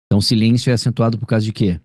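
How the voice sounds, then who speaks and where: A man's voice: fairly low pitch, flat delivery, very fast, darkish tone, no room sound, clean studio sound. A man with a Brazilian accent tutoring a student one-on-one over a video call, explaining patiently and often checking that she follows. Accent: Brazilian Portuguese. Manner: explanatory, checks understanding with frequent tag questions. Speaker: grammar teacher.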